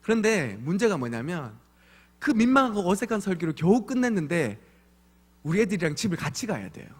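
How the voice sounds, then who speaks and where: A male pastor in his thirties giving an evening church sermon, telling animated stories and acting out voices of his children. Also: high-pitched, brisk, breathy edge. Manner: animated storytelling with acted voices of his kids. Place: church sanctuary. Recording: long church hall reverb.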